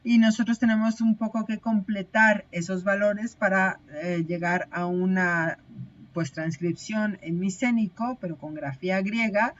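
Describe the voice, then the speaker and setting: A woman's voice: fairly low pitch, highs cut off. A woman teaching a recorded online lecture, explaining step by step with frequent hesitations and self-corrections.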